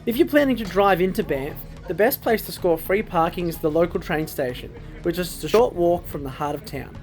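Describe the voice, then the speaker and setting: High-voiced man, chatty vlogger. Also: brisk, a little mellow, soft background music. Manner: chatty, self-deprecating. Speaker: travel vlog host. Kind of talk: casual travel vlog narration. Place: outdoors at a campground.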